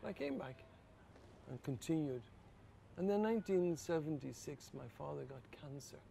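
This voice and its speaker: An older Irish priest with a deeply gravelly, fry-laden voice tells personal stories in an interview. He speaks earnestly and quietly, with a faint hiss of room noise behind him. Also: moderate pace. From Ireland. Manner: earnest, quietly emotional, rises to lively laughter. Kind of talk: reflective personal storytelling in an interview.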